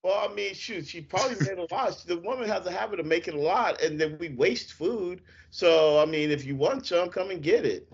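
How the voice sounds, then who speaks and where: A man hosting a casual podcast chat, rambling and halting with many fillers. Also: high-pitched, animated, vocal fry, husky, dull audio. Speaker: podcast host.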